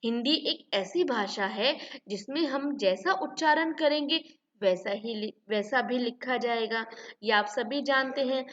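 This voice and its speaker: A woman teacher giving a classroom grammar lesson, reading each word twice, slowly and with emphasis, and addressing her pupils as children. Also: fairly high pitch, fairly bright tone, recorded from a distance, muffled recording.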